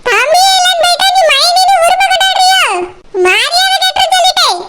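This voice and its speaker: A woman voicing a furious middle-aged mother who shouts accusations, with a Kanyakumari Tamil accent. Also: very high voice, expressive, brisk. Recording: loud background noise.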